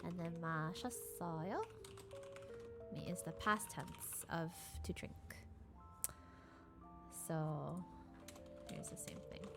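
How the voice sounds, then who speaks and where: A woman's voice: low-pitched, takes it slowly, long pauses, music in the background. A woman giving a casual live-streamed beginner lesson, explaining with lots of fillers and restarts. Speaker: streamer teaching Korean.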